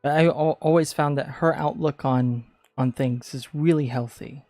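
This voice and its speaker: A man hosting an art stream, talking casually and a bit haltingly, restarting his sentences. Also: fairly high pitch, fairly even intonation, warm tone, no echo, soft background music. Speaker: streamer, artist. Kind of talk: casual chat.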